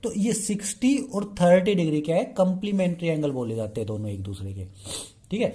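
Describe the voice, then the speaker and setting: Man, math teacher, mellow warm voice, asks and answers his own questions, keeps checking in with the class. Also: a little high, expressive, fairly quick. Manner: mixes Hindi with English terms, asks the class rhetorical questions and answers them; keeps checking in with the class by saying "okay" again and again. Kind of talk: explaining a lesson.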